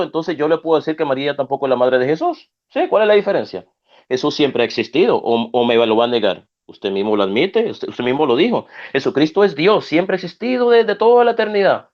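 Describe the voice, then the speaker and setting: Man, debate rebuttal, emphatic, scornful, muffled lo-fi sound. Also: medium pitch.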